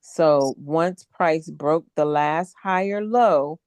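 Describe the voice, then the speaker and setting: A woman co-teaching a trading class over a video call. She speaks briskly and directly as she reviews students' charts. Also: deep voice, darkish tone, no room sound. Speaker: co-instructor.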